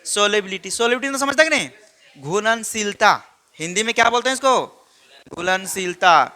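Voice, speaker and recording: A man's voice: very high-pitched, fairly quick, sharp tone. A man lecturing a chemistry class, constantly quizzing his students with repeated questions. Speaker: chemistry teacher.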